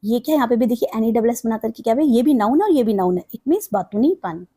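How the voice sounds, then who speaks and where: A woman teacher giving a vocabulary lesson, slowly spelling out English words and repeating them, asking a question and then answering it herself. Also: a little high, animated, dark tone.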